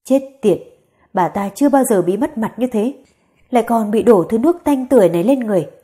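A woman voicing an enraged, bitter middle-aged stepmother in a spoken story, harsh and hurried. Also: on the high side, lively intonation, dark tone, close to an everyday voice.

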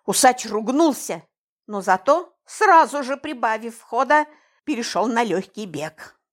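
Lively high-voiced woman narrator. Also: measured pace. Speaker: audiobook narrator. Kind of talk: first-person audiobook narration.

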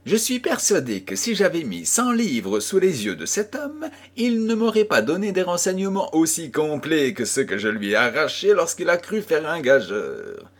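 A man reading an audiobook, voicing a calm, clever detective who speaks in a measured, smooth way. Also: a little high, voice pushed up. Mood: confident. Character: Sherlock Holmes, calm, clever, confident man.

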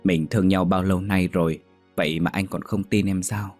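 A man's voice: sits low, fairly even intonation, moderate pace, soft background music. A man reading a story, voicing a shy young woman in love who speaks hesitantly. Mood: anxious. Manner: hesitant, soft.

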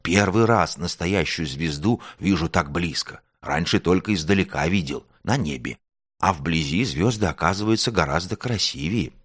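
A man voicing a shy, gentle little bear cub in a storybook, gruff and a little sad. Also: deep voice, expressive, moderate pace, dry recording, clean studio sound, exaggerated voice. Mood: amazed. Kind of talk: storybook reading.

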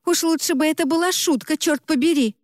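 A woman's voice: high-pitched, fairly quick, darkish tone, dry recording, studio quality, voice pushed up, close to an everyday voice. A woman voicing an indignant young female best friend who shrieks her reproaches. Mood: outraged.

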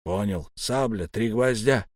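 A surly, foul-mouthed veteran sailor played by a man mutters in a low, clipped, contemptuous voice. The sound is dry, as in a storybook reading. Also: a little slow, darkish tone, dry recording, close to an everyday voice.

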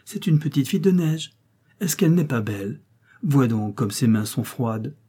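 A man reading aloud, voicing a small, solemn boy who speaks gravely. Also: medium pitch, expressive, moderate pace, dark tone. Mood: earnest.

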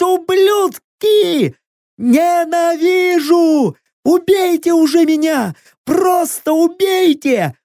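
A woman's voice: very high-pitched, warm tone, dry recording, studio quality, voice pushed up, exaggerated voice. A woman voicing a desperate, furious imprisoned creature woman who screams curses and begs to be killed.

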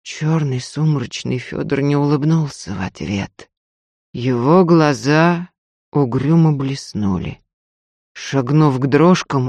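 An audiobook reader narrating a story in a steady, even manner. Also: mid-range voice, no room sound. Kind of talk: scripted narration.

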